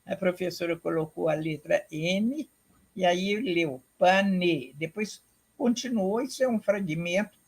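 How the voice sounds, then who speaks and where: A woman giving an academic lecture, explaining slowly and deliberately, repeating herself and checking in with her audience. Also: on the low side, breathy edge.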